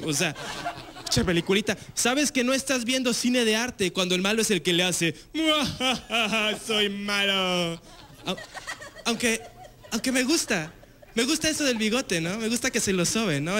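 On a TV stage with a live studio audience, a young Mexican comedian with a Mexican accent runs a loose, slangy set, leaning on filler tags. His voice is high-pitched, pushed and bright.

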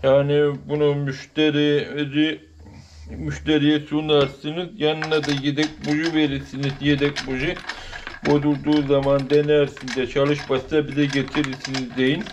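A man in his thirties calmly explaining a chainsaw repair step by step as a workshop channel host, filmed in an open workshop on the camera's own mic. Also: a little high, normal speed. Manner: plain, explanatory, matter-of-fact. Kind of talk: casual repair walkthrough. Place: open workshop with outdoor light. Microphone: camera mic, filming his own hands. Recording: noisy workshop recording.

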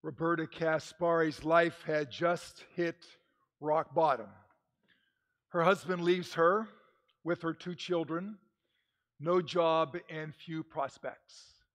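Priest, male, formal measured reader; cathedral echo, long church reverb, voice sits a bit high. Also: steady tone, fairly bright tone. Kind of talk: gospel reading and homily. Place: large church.

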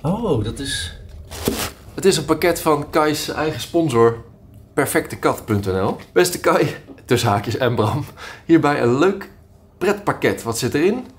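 A man's voice: fairly high pitch, animated, unhurried, slight background noise. A man in his thirties chatting casually and playfully in a home vlog, recorded indoors on a nearby camera. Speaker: vlogger. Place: living room at home, indoors.

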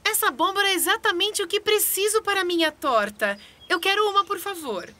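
High-voiced motherly cartoon monster. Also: animated, a little fast, pushed and bright, exaggerated voice. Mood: cheerful. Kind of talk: children's cartoon voice acting.

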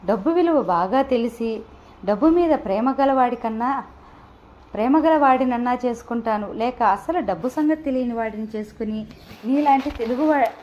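Breezy young woman student, teasing and flippant, read by a woman narrator, light high voice, muffled lo-fi sound. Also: moderate pace, slight background noise, lightly acted.

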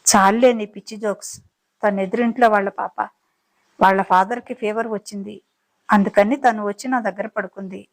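A woman's voice: mid-range voice, fairly even intonation, normal speed, natural voice, poor audio. A woman voicing a fed-up, outspoken young woman in an audiobook story, speaking with irritation and seriousness. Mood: irritated. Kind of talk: dramatized audiobook reading.

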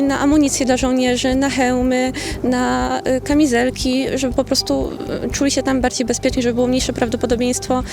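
A woman with a Polish accent giving her view in a spontaneous street interview. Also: high-pitched. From Poland. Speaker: protest participant interviewed. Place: outdoors in a town square. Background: music.

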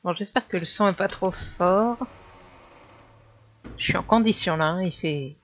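A woman chatting casually and hesitantly while she plays a horror game in a dark bedroom. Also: on the low side, unhurried, highs cut off, slight background noise. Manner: chatty, hesitant with many fillers. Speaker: gamer. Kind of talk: casual let's play commentary.

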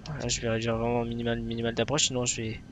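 A man's voice: medium pitch, completely flat delivery, very fast, over music. A man giving casual tutorial commentary as a flight simulator presenter.

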